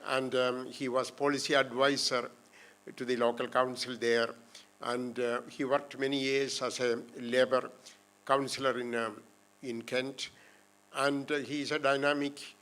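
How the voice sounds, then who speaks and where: Flat-voiced man chairing a panel. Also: mid-range voice. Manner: halting, with many fillers. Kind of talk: introducing speakers. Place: lecture hall.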